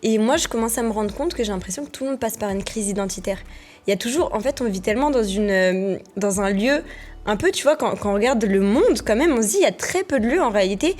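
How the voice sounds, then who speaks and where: A woman's voice: mid-range voice, expressive, quick pace, darkish tone, soft background music. A young woman hosting a podcast interview, thinking aloud, searching for her words and asking open questions. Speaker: podcast host. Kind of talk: conversational interview.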